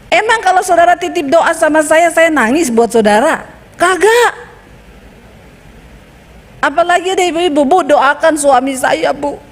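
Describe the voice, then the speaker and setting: Lively woman preacher in a reverberant hall. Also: high voice. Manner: animated storytelling preacher, acting out both sides of dialogues. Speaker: pastor. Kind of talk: sermon.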